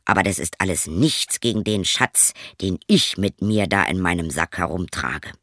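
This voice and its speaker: A man's voice: low voice, expressive, moderate pace, a bit bright, dry recording, clean studio sound, full character voice. Man playing a bold young journeyman. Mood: boastful. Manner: proud, emphatic declaiming. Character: young male journeyman turner, bold and boastful.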